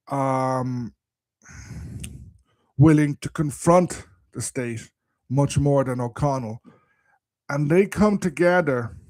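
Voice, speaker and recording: A history presenter gives an informal live talk, explaining things conversationally and thinking aloud, his voice strained by a coming cold. It is a little high, and the recording has no echo.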